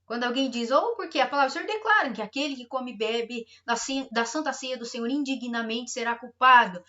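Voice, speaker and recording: A woman's voice: a little high, a little fast, sharp tone, dull audio. A middle-aged woman pastor preaching a sermon, emphatic and repetitive, acting out everyday complaints.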